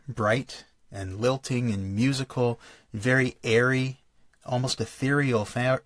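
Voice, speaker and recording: This studio-quality recording, free of room sound, features a man with a mid-range voice hosting a podcast on his own. His delivery is reflective and lecture-like; he reads quotations aloud and frequently starts his sentences over.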